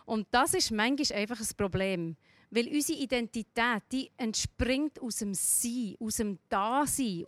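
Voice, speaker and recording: A woman's voice: fairly high pitch, fairly bright tone, dry recording. A woman with a Swiss German accent giving a sermon, telling a story and asking the listener direct questions. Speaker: speaker giving a devotional talk.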